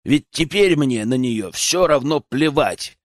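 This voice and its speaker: Male audiobook narrator: expressive first-person reading, dry studio sound. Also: mid-range voice, takes it slowly, dry recording.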